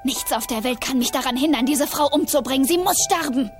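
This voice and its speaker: Casting: woman playing a wild young forest woman, very high voice, commanding and human-hating, film dub with faint music. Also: brisk, natural voice. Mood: fierce, defiant. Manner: fierce, commanding. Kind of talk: dubbed film acting.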